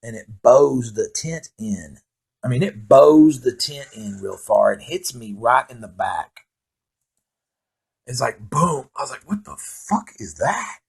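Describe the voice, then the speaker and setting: A middle-aged man with a gravelly, slightly raspy voice tells a story in a loose, rambling way, swearing constantly. He laughs at his own tale now and then and keeps a plain, casual pace. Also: mid-range voice, slow pace.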